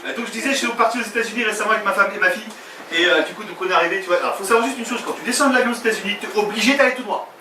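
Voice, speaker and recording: A male stand-up comedian telling a story with animated delivery and loud put-on voices, with crowd banter. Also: sits high, racing. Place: comedy stage with live audience. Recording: echoey, distant live room with audience noise. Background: audience laughter.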